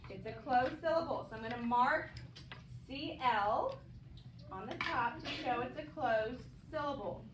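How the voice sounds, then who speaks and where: High-voiced woman teaching in a roomy classroom. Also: animated, a little slow. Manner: upbeat, coaxing, questions students by name. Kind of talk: classroom phonics lesson. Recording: roomy, distant mic, audible noise.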